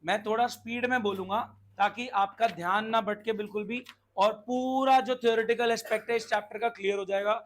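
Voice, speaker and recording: A man's voice: high voice, steady tone, fairly bright tone, a little hiss or hum. A man teaching a commerce class, quizzing and scolding his students as he explains. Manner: brisk, scolding, asks the class questions. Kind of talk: classroom lecture.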